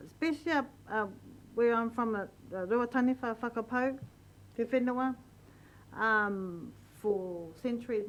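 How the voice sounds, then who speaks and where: A woman addressing a council meeting as a Māori representative, emotional and halting, repeating her phrases. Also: mid-range voice, slight background noise, low-quality recording. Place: council chamber.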